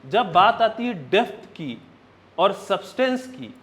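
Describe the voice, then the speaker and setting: Young male exam coach, fairly high voice, lectures step by step with frequent check-ins. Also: big pitch swings, slow, a bit bright. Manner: checks in often with "right?" and "okay?"; explains step by step, counting points aloud. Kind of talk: classroom lecture.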